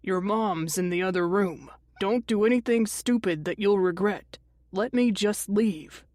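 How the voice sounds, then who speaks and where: A woman reading an audiobook voices a sly middle-aged uncle who talks in a smooth, wheedling, wry way. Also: mid-range voice, measured pace, a little mellow, no room sound, studio quality, close to an everyday voice.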